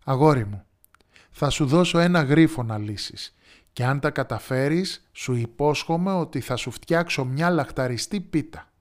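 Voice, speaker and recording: Man doing a gentle coaxing mother. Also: fairly high pitch, lightly acted. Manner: gentle, coaxing, sing-song riddle reading. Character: patient loving mother, gentle and encouraging. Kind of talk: storybook character voice.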